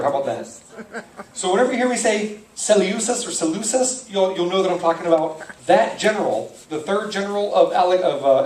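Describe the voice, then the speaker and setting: A man's voice: sits high, echoey room, far from the mic, low-quality recording. A man as a pastor teaching the Bible verse by verse in a conversational manner, stopping to puzzle over names and correct himself. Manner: conversational, thinks aloud, self-correcting on names.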